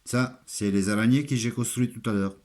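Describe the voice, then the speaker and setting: An Italian man speaking French with a foreign, Italian accent, giving a halting, step-by-step hands-on craft demonstration in simple, repeated phrases. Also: medium pitch, fairly even intonation, a little mellow. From Italy. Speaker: armourer giving a craft tutorial.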